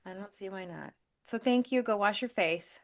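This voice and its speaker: A woman's voice: mid-range voice, moderate pace. A woman hosting a podcast, chatting casually and encouragingly with a friend, laughing often. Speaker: podcast host and life coach.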